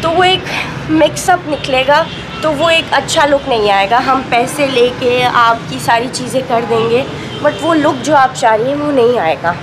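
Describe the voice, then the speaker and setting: A woman's voice: high-pitched, moderate pace. A young woman from Pakistan chatting casually to a phone camera held at arm's length, telling her story in a car and at a salon. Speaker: vlogger. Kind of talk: casual vlog chat to camera. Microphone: handheld phone camera at arm's length. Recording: noisy street and car background.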